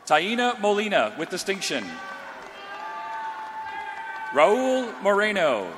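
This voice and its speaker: A man reading out graduates' names one by one at a commencement ceremony, slow and drawn out, through a podium microphone. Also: sits high, sing-song. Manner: slow, drawn-out announcing of each name. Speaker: commencement name reader. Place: large graduation ceremony hall. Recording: long hall reverb, crowd noise.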